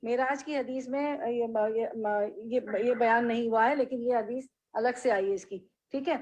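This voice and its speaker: A woman teaching a hadith lesson. She reads Arabic phrases slowly, explains them, and asks her listeners questions. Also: a little high, fairly even intonation, darkish tone, poor audio. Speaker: religious teacher.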